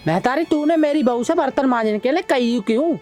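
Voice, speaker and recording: A man's voice: very high-pitched, a little fast, darkish tone, soft background music. A man with a Haryanvi accent playing a hot-tempered young village husband who threatens his own mother. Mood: angry. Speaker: husband and son in a village drama. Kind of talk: Haryanvi film acting.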